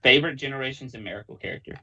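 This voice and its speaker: Husky guy running a podcast chat, chill and upbeat, sounds a bit far from the mic. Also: medium pitch, racing, bright, forceful tone, dull audio. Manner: easygoing, upbeat recommending. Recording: distant from the mic.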